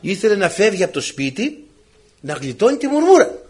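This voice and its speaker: A man preaching a sermon, with a husky voice and a playful, animated manner, acting out the characters. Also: high voice.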